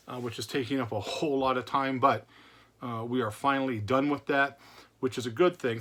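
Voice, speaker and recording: Still recovering from being sick, a man who runs a comic book channel talks loosely to camera in a vlog. His voice is mid-range and a little bright, and his chatter wanders, full of fillers and repeated words.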